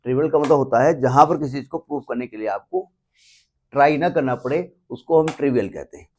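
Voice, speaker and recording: A man teaches a maths lesson in an easy, talkative way. He repeats the key points and slips English terms into his explanations. His voice sits at a middle pitch, and he keeps pausing to check that his students are following. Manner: stops often to check that students understand. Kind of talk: classroom lecture.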